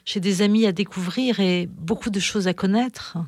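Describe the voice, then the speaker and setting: A woman's voice: medium pitch, moderate pace, a little mellow, husky, no room sound, clean studio sound, close to an everyday voice. A woman voicing an earnest, curious young boy prince, reading aloud in two voices. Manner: polite, wondering, questioning.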